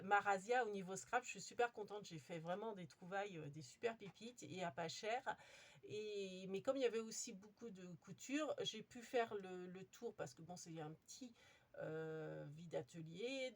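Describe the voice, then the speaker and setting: A woman chatting casually as she shows off her craft haul, talking with lots of fillers and restarts. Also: medium pitch. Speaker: crafting vlogger. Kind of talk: casual show-and-tell haul.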